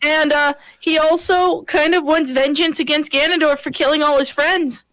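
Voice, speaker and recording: A woman's voice: sits high, steady tone, moderate pace, dry recording, poor audio. A woman co-hosting a casual gaming podcast, rambling with lots of fillers and restarts. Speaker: podcast co-host.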